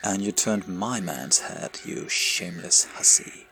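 A man's voice: low-pitched, measured pace, creaky, sharp tone, slight background noise, exaggerated voice. A man playing a bitter, jealous townsman in a comic Western audio drama. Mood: jealous, scolding.

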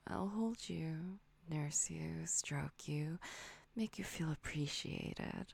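Young woman for intimate ASMR roleplay: soft breathy whisper, low-set, gravelly edge, soothing and doting. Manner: slow, soothing, doting, with frequent hums and soft giggles. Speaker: audio roleplay performer.

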